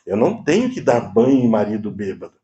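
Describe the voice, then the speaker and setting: Animated Brazilian preacher, lively pitch. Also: male voice, a little fast, lo-fi sound. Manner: animated, swings between low quiet asides and high emphatic lines. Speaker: preacher and therapist. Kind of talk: sermon.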